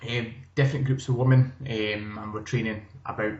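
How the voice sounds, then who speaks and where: A man's voice: lowish voice, normal speed. Scottish man on a roomy, muffled line. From Scotland. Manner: relaxed, conversational, many restarts. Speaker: gym owner and guest. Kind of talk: casual interview chat.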